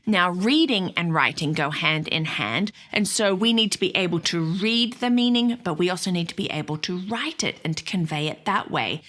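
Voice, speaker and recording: A middle-aged woman explaining writing skills in a casual, expressive teaching talk with playful asides. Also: fairly low pitch, normal speed, hardly any pauses. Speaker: educator.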